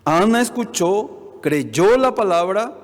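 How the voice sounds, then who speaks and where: A man's voice: sits high, lively intonation, slow pace. A man, preaching a sermon as pastor, often asking the congregation questions and acting out what the people in the story say. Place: church hall. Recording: long reverb of a church hall.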